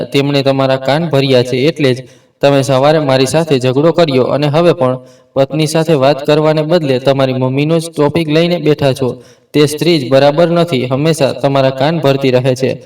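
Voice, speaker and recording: A man's voice: mid-range voice, steady tone, moderate pace, a little mellow, far from the mic, natural voice. A man voicing a resentful young wife who complains about her mother-in-law. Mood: aggrieved. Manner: complaining, defensive. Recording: voice set back from the mic.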